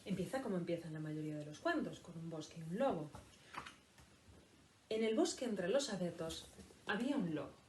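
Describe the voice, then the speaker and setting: A woman teacher reading a children's story aloud in an expressive, playful way. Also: fairly low pitch, normal speed, long pauses, slight background noise. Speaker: primary school teacher.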